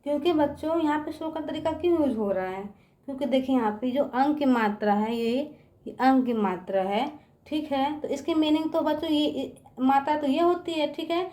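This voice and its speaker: A woman's voice: sits high, a little fast, warm tone, roomy sound. A woman teaching children a spelling lesson. She spells words out letter by letter and keeps checking whether the children have understood.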